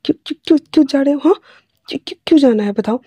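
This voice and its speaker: A woman's voice: mid-range voice, completely flat delivery, measured pace, gravelly, slightly rough, no room sound, lo-fi sound. A woman doing a frantic, unhinged obsessive young man. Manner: frantic, stammering, repeating words.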